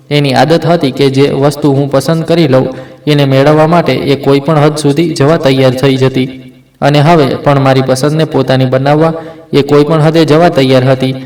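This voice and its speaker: A man narrating a first-person story in a steady, sombre way, with small restarts. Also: medium pitch, reverberant, rough recording.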